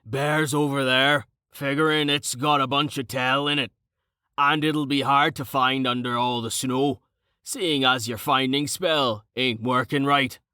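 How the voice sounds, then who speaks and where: A man's voice: mid-range voice, steady tone, a little slow, sharp tone, no echo. Audiobook: male narrator plays a boisterous, swearing brute of a warrior, dry close read. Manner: boisterous, swears, rough slang. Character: brash burly male warrior, crude joker.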